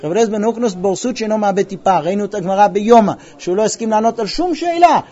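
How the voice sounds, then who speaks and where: A man's voice: high-pitched, expressive, warm tone, muffled recording. A man teaching a Talmud class, retelling stories with quoted dialogue and quizzing his students. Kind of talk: classroom lesson with storytelling.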